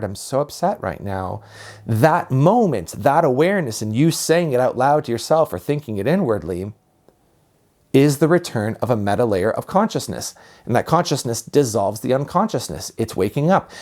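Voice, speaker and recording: A man of ordinary, mid-range pitch talks through spiritual ideas in a calm, reflective way. He takes his time and circles back over phrases for emphasis, like a teacher guiding his listeners.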